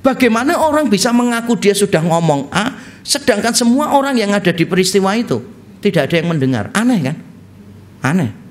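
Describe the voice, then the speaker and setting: A middle-aged man from Indonesia, a pastor preaching a lively expository sermon and telling stories. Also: a little fast. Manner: lively storytelling with wide pitch swings, quoting others.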